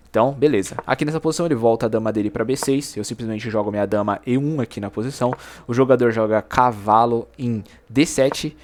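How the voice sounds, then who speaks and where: A man walks through a chess game move by move. He talks in a casual, slangy way and gets animated over mistakes and tactics. His pitch sits at a middle level for a man. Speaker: chess YouTuber. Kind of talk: game analysis commentary.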